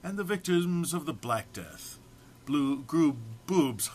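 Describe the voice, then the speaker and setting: A man with a slightly high, animated, somewhat mellow voice reads a humorous written text slowly and theatrically. He phrases things emphatically and sounds amused, prone to breaking into laughter, with faint background noise in the recording.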